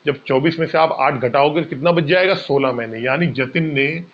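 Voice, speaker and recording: Calling students bhaiya, this maths teacher explains exam problems one step at a time, asking questions and then answering them himself in an exam-prep lesson. He has a fairly high voice at normal speed, and the recording's highs are cut off.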